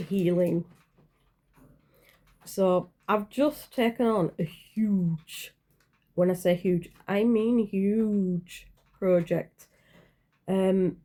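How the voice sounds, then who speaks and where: A woman in her forties talks to her camera in a loose, unhurried vlog chat. Her voice is soft and mellow, and she rambles, pausing on fillers and correcting herself as she goes. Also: mid-range voice. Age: 40s. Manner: rambling, hesitant, with many fillers and self-corrections. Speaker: channel creator.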